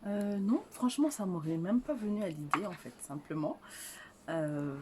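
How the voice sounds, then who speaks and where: A woman's voice: on the low side, lively intonation, normal speed, noisy background. An older woman from Rwanda, an author answering interview questions in a hesitant way, full of fillers and restarts. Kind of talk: casual interview.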